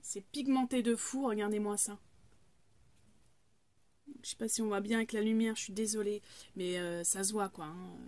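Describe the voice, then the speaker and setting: Chatty french woman doing a haul vid, kinda high voice, lots of euh and restarts. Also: darkish tone. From France. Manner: chatty, many fillers and restarts. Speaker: haul vlogger. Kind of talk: casual haul vlog.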